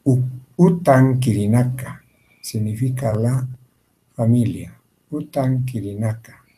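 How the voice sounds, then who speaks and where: A man teaching a language class over a video call, reading phrases slowly and having students repeat them. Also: mid-range voice, warm tone, breathy edge, low-quality recording. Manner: slow, deliberate, spells out each word for students to repeat. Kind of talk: slow language lesson with repetition drills.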